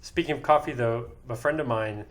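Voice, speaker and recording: A man talking as a podcast guest, telling lively stories and laughing often in a casual chat. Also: mid-range voice, a little fast. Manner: animated storyteller, laughs often.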